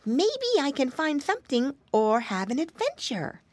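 A woman's voice: high-pitched, big pitch swings, unhurried, darkish tone, no room sound, pitched above the performer's own voice. A woman voicing Flop, a curious, good-natured little boy piglet who talks in a chirpy, earnest way. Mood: cheerful.

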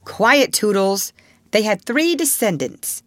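A woman's voice: mid-range voice, animated, takes it slowly, no room sound, voice pushed up. A woman voicing an earnest, motherly young girl who tells a storybook tale in a prim, theatrical way. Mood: patient, instructive. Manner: theatrical, prim, hushing her listeners.

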